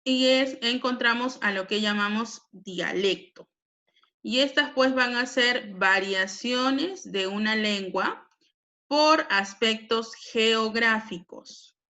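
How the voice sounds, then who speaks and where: A woman's voice: a little high, takes it slowly, bright, forceful tone. A Peruvian woman teaching a language lesson, explaining patiently with frequent tag questions. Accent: Peruvian Spanish. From Peru.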